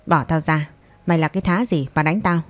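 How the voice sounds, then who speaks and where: A man's voice: fairly high pitch, a little fast, dry recording, close to an everyday voice. A woman voicing a crude, bullying young ex-husband who snarls his lines, in a storybook reading. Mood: contemptuous. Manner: snarling, contemptuous.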